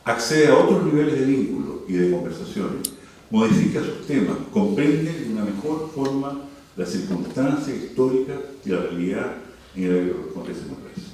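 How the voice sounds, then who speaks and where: With a Chilean accent, an older man from Santiago, 60s or older, gives a formal prepared speech with asides, deliberate and emphatic, pausing between phrases. His mid-range voice is sing-song and dark. He's a university leader at a cultural forum, recorded from afar in a very echoey indoor venue with faint noise.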